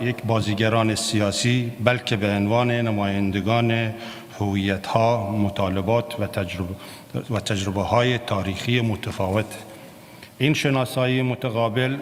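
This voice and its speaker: A man with an Arabic accent in his Persian gives a formal prepared political speech, halting and often repeating words. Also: on the low side. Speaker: political party representative, congress speaker. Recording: noisy echoing hall sound.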